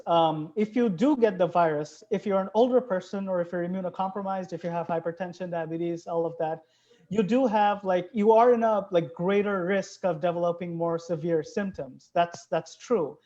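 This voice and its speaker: An earnest biologist from Bangladesh explains things during an interview. The voice is mellow and warm in tone. The recording is dull and lo-fi. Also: mid-range voice. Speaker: biologist guest.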